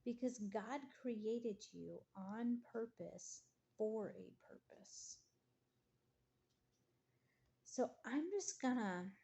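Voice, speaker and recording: A woman giving an earnest devotional talk, reading scripture and slowing down to near-whisper on key phrases. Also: medium pitch, creaky, mellow.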